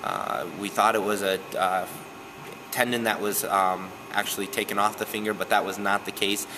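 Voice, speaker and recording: A young man, a softball coach, answering postgame questions in an earnest, steady way with many "um" fillers, recorded indoors in a gym. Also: lowish voice, moderate pace, noisy background. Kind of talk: postgame interview.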